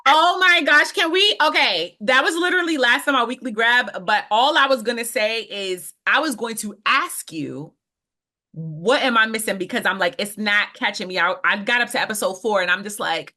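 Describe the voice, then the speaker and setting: A young adult woman co-hosting a podcast in casual chat, animated and emphatic with playful asides. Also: on the high side, normal speed. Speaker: podcast co-host.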